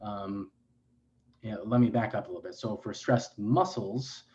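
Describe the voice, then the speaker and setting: A man's voice: lowish voice, moderate pace, darkish tone, muffled recording. A man speaking as a clinician guest in an interview, explaining in an earnest, lecturing way with frequent restarts and self-corrections.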